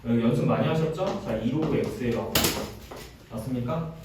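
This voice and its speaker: A man's voice: medium pitch, normal speed. A man teaching a math class in a classroom, explaining step by step and checking in with students through short questions. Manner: checks in constantly with short questions, mixes casual and polite speech. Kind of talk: classroom lecture. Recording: roomy, distant classroom recording with faint noise.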